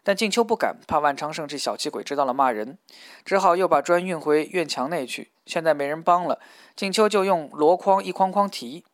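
A man narrating a novel as an audiobook in a steady, even storytelling manner. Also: fairly high pitch, brisk, dry recording, clean studio sound.

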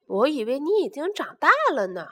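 A woman voicing a stern father bear with a loud, scolding manner in a storybook reading. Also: high voice, big pitch swings, brisk. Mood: quiet.

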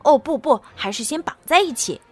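A woman's voice: sits high, animated, fairly quick, soft background music, voice pushed up. A woman voicing a crowd of noisy animal workmen who call out and bicker with each other. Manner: quarrelsome, calling out. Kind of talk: storybook reading.

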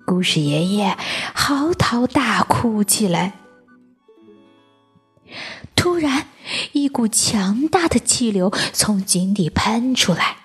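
A woman reads a children's picture book aloud, slow and soft with a breathy tone. Her voice sits mid-range. Quiet music runs underneath. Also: mid-range voice, lively intonation. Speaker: storyteller.

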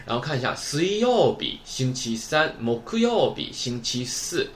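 Lively-voiced man teaching vocabulary. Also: medium pitch, measured pace, slight background noise. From Northeast China. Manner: explains patiently, keeps asking rhetorical questions. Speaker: Japanese teacher. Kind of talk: recorded vocabulary lesson.

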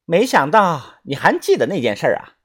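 Narrator playing a guarded young woman, brisk, audiobook, husky, very lively pitch. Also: full character voice. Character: Ah Chun, a tense young woman, sister-like protector. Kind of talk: audiobook character voice.

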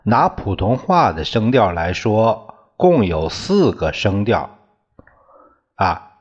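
A man teaching a class in a slow, deliberate way, often restating his terms. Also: lowish voice. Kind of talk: lecture on classical poetry tones. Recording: dull lo-fi recording.

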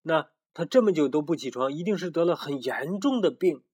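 A man's voice: fairly high pitch, animated, brisk, darkish tone, breathy edge, pitched above the performer's own voice. A man voicing a worried little lamb in a storybook read-aloud, in a raised, fretting voice.

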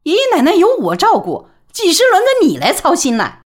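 A woman voicing an exasperated, sharp-tongued middle-aged mother who scolds in a shrill voice. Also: huge pitch swings, fairly quick, exaggerated voice. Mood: indignant.

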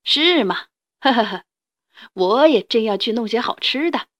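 A woman's voice: fairly high pitch, lively intonation, normal speed, highs cut off, close to an everyday voice. Woman voicing a hungry tyrannosaurus, sly. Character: big hungry adult male tyrannosaurus, sly.

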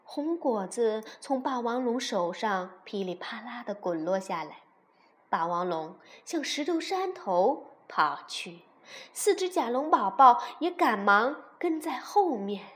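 A woman reads a children's bedtime story aloud. Her voice is high and very lively, and she takes her time, lingering over each phrase. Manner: slow, expressive storybook delivery.

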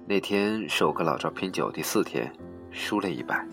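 Deep-voiced man reading a story. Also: lively intonation, moderate pace, gravelly, fairly bright tone, soft background music. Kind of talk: reading a humorous personal story aloud.

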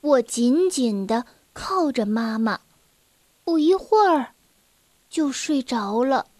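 Woman reading a bedtime storybook for kids, high voice, slow and clear. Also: expressive, darkish tone, dry recording. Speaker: children's storyteller.

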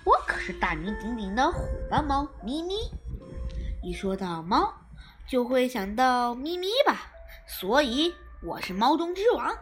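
A woman voicing a boastful, quarrelsome male tabby cat who brags and taunts loudly. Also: on the high side, sing-song, a little slow, soft background music. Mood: boastful taunting. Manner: bragging, taunting, shouty.

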